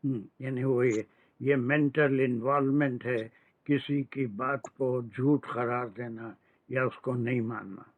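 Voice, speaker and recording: Male teacher, patient drill-style delivery, slow measured talk, dry tinny call audio. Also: mid-range voice, fairly even intonation, no room sound. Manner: patient, drills verb forms, mixes English phrases. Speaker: Arabic grammar teacher. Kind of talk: online class teaching.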